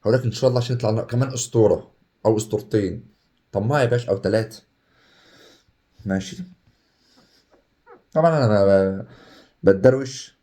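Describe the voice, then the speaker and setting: A young Egyptian man talking casually over a game, excitable and chatty, swinging between hype and groans. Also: on the low side, fast talker, pauses often. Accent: Egyptian Arabic. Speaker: gaming YouTuber. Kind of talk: casual gameplay commentary.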